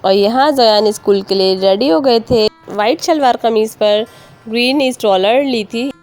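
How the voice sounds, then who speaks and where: A woman's voice: on the high side, moderate pace. A mother in her thirties with a Pakistani Urdu accent, narrating her family vlog in a friendly storytelling voice. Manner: friendly, storytelling, polite address to viewers. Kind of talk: voice-over narration. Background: soft acoustic guitar music.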